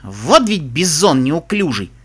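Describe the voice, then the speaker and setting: A man reading an audiobook, voicing a sharp-tongued young unicorn mare who mocks and teases. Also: a little high, big pitch swings, slow pace, husky, exaggerated voice. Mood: sarcastic. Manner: sarcastic, mocking.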